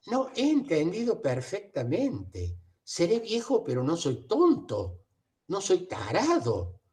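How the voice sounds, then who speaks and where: A man's voice: high-pitched, wildly swooping pitch, slow pace, a little mellow, exaggerated voice. A man voicing a proud older man who firmly corrects people who talk down to him. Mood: indignant. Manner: firm, indignant corrections.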